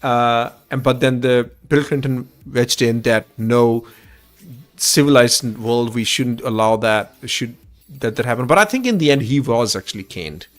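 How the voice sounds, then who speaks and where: A man's voice: mid-range voice, a little slow. Chatty Indian-accented man hosting a call-in. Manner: enthusiastic, chatty, frequent restarts. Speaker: call-in livestream host. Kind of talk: casual chat.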